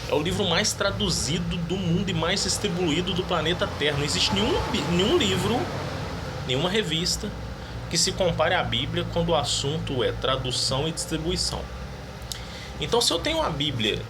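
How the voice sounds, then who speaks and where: A religious video creator with a rather high, animated voice delivers a casual opinion monologue, reading Bible verses aloud with earnest feeling. He talks fairly quickly, and the background is noisy.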